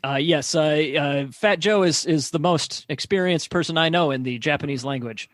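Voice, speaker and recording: A man doing mock play-by-play commentary, deadpan and full of hesitant fillers. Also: a little high, normal speed, no echo, clean studio sound. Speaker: play-by-play announcer.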